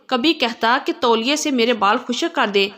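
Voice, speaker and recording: Woman storyteller for first-person narration; steady and expressive, slightly high voice.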